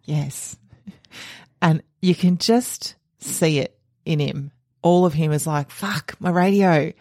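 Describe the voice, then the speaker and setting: Brief: woman podcast co-host, gravelly low voice, easy laugh. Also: steady tone, takes it slowly, a little mellow, no room sound, studio quality. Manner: laughs easily, agreeable and chatty. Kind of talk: casual podcast chat.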